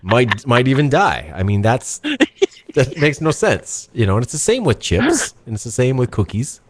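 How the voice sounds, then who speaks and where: A man from Canada co-hosting a casual chat, rambling and joking with deadpan asides. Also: medium pitch, moderate pace, a little hiss or hum. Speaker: co-host.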